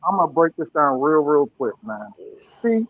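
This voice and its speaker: A man's voice: on the high side, sing-song, normal speed, dry recording. Caller: man, muffled like through a wall, tinny phone-line sound, dry and close, blunt and emphatic. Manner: blunt, emphatic, repeats points. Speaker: first-time caller. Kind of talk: call-in talk show.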